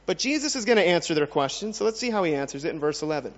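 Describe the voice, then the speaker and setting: Man, preacher, high voice, earnest sermon, long hall reverb, muffled sound. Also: expressive, rapid-fire. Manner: earnest, asks the listeners many questions.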